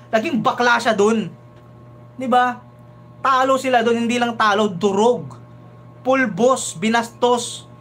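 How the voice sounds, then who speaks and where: A man hosting a casual live reaction stream, talking in an animated, chatty way and often asking "di ba?". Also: very high-pitched, slight background noise. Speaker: reaction video host.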